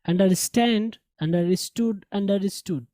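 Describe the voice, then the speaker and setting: A man teaching a language lesson at an unhurried pace, saying each word twice and stopping to fix pronunciation. His voice is soft and mellow, recorded dry and close with no room sound. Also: sits high, dry recording. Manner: slow, repeats each word, corrects pronunciation. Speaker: English teacher.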